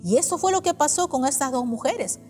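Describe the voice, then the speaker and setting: A woman with a high, bright-pitched voice delivers an earnest sermon, posing question after question to her congregation. Her voice rings through a hall with a long reverb tail. Soft music sits faintly underneath. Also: lively intonation, a little fast. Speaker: preacher.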